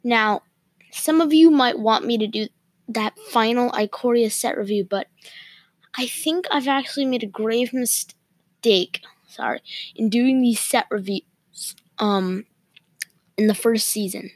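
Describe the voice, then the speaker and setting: Woman, podcast host, hiccups, halting delivery, frequent pauses, close dry mic. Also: on the high side, no echo. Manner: halting, pausing often, apologetic. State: has the hiccups. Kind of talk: casual solo podcast talk.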